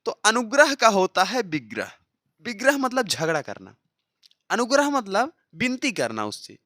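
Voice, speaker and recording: An animated teacher whose pitch rises and falls a great deal while walking students through practice questions. They read each option aloud as a question and keep checking in with a quick "okay." The sound is close and dry, with no room around it. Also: no echo. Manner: repeats key answers slowly for drilling. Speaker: Hindi teacher for exam preparation. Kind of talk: exam-prep lesson solving practice questions.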